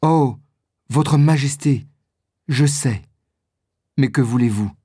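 A man reading a storybook aloud, voicing a lovesick nobleman who speaks slowly and tenderly. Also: medium pitch, mellow, slightly rough, dry recording, clean studio sound. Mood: ardent. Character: lovesick foreign nobleman, ardent and devoted.

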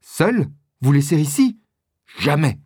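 A reader voicing a scheming noblewoman in a storybook reading, who urges and commands and rises to sharp, alarmed cries. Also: mid-range voice, unhurried, dry recording, clean studio sound, natural voice.

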